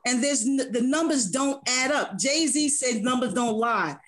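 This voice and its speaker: A slightly hoarse woman talks in a casual interview, earnest and rambling, often restarting her sentences. Her voice sits a little high for a woman. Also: a little slow, a bit bright. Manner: rambling, self-correcting, earnest. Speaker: music producer and manager.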